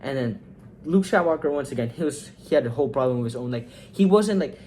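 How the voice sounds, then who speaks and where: A young man giving a casual, rambling film review, full of fillers and quoted reactions, his voice rising when he gets excited. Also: mid-range voice, fast, slight background noise. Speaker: movie ranking vlogger.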